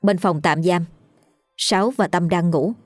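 Woman reading a ghost story, low voice, dry close sound, faint music under. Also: measured pace, darkish tone, no echo.

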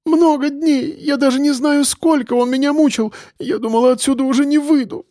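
A man voices a frightened young woman held captive, sobbing and pleading, in a very high-pitched voice raised above his natural one. He is expressive, speaking at a moderate pace with a slightly mellow tone. The studio-quality recording has no room sound.

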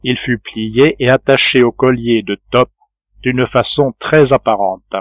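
A man narrating an audiobook of a classic adventure novel in a measured, even reading. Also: medium pitch, no room sound. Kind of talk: scripted narration.

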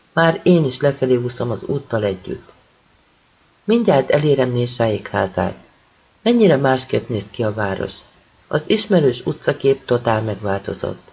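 A man's voice: medium pitch, darkish tone, slightly rough, lo-fi sound. A man reading a first-person audiobook with urgent, intense storytelling. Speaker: audiobook reader.

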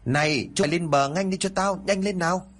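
A man's voice: mid-range voice, lively intonation, brisk, husky. A man voicing an anxious young village woman in a storybook reading, talking urgently and pleadingly.

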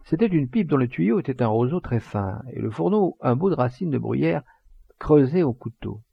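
Male audiobook narrator, measured reading, gravelly husky voice, dull dry home recording. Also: mid-range voice, expressive, dry recording. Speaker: audiobook reader.

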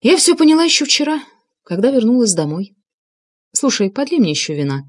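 A woman's voice: fairly high pitch, sing-song, fairly quick, voice pushed up. A woman reading an audiobook, voicing a proud young woman who speaks in a cool, offhand way.

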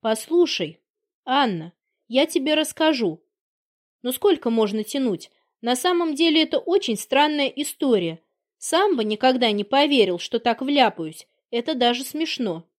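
A woman's voice: sits high, animated, a little slow. A woman reading an audiobook voices a smug, cynical man who talks in a cool, offhand way. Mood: hesitant.

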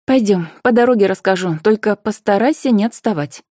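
A bold, sharp-tongued young witch on the case, as a woman reads her, a little higher and louder than the narration around her. She talks in brisk commands and quick comebacks, mellow in tone and dry in sound. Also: no room sound, lightly acted. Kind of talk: audiobook character voice.

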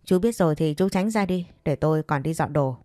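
A woman's voice: low voice, lively intonation, a little fast, warm tone, no room sound, studio quality. A woman reading an audio story, voicing a headstrong teenage girl who scolds sharply. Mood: scornful.

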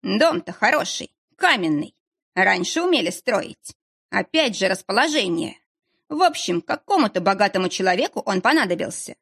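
Woman voicing a gruff blunt working man. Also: mid-range voice, very animated, normal speed, fairly bright tone, exaggerated voice. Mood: conspiratorial. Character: gruff blunt middle-aged man, caretaker type.

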